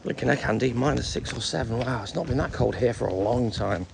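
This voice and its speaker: A milkman livestreamer chats casually in and around his milk van with his dog, his mid-range voice fairly quick and edged with vocal fry over a noisy background. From the English Midlands and raised partly in North Wales, he has a mixed English accent tied to no single region, and he rambles through stories while greeting viewers by name.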